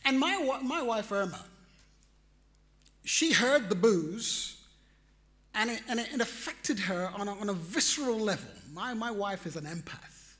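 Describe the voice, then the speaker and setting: A man telling a personal story in a reflective, animated way, acting out his own reactions. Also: sits high, unhurried. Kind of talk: storytelling talk.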